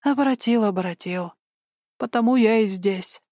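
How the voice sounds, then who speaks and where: A woman's voice: medium pitch, unhurried, dark tone, no room sound, studio quality, lightly acted. A woman voicing a nervous, fidgety older male pensioner in an audiobook, jittery and self-important. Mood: fussy. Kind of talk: audiobook character voice.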